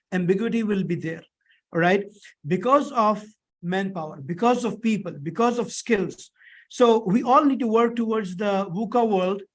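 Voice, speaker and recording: A man lecturing in a conversational, explanatory way with frequent check-in questions, his voice thick and strained from a sore throat. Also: sits high. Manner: conversational, repetitive, checks understanding with short tag questions. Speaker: instructor teaching an online or classroom course.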